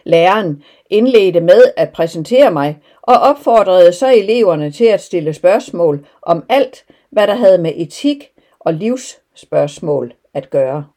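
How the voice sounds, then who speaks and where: Woman, audiobook narration, calm, measured, mellow tone. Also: fairly low pitch. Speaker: audiobook reader.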